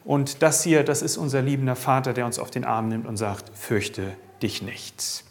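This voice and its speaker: A man delivers an earnest sermon in a steady, medium-pitched voice at a brisk pace. He leans hard on key lines, raising them emphatically, then drops to a hush.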